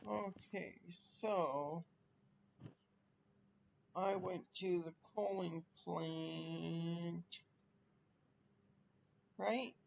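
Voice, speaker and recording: Slow-talking man on a dull stream mic. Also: a little high, steady tone, creaky. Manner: thinks aloud, chats with viewers between pauses. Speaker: livestreamer playing a train simulator. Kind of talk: casual live gameplay chat. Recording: dull lo-fi stream audio with faint noise.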